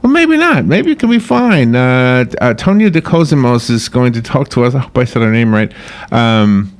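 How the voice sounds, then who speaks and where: A man with a Long Island accent hosts a casual radio talk show in a mid-pitched voice. He rambles in a chatty way and keeps checking that listeners agree. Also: sing-song, normal speed, clear, resonant tone. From Long Island, New York, USA.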